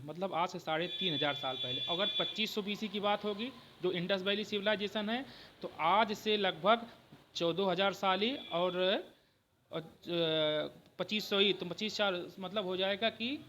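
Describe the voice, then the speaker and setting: Bright, high-voiced male history teacher. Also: slight background noise. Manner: repeats "ठीक है" often, explains slowly with restarts. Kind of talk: exam-prep history lecture.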